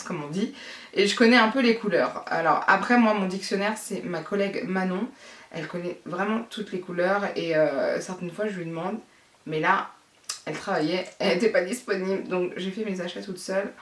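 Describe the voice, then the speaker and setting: A woman's voice: mid-range voice, recorded from a distance, a little hiss or hum. Chatty young woman in an echoey room. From France. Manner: chatty, playful, addresses viewers as "les gars". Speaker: beauty vlogger. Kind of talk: casual haul video chat.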